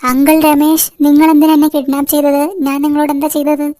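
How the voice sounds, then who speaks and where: ഒരു സ്ത്രീ കാർട്ടൂണിൽ പേടിച്ച ഒരു ചെറിയ സ്കൂൾ ബാലന് ശബ്ദം നൽകുന്നു, അവന്റെ സംസാരം യാചനയും ആശങ്കയും നിറഞ്ഞതാണ്. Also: female voice, high voice, monotone, quick pace, warm tone, no room sound, close to an everyday voice. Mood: pleading. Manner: pleading, anxious. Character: frightened young schoolboy, gentle. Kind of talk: cartoon voice acting.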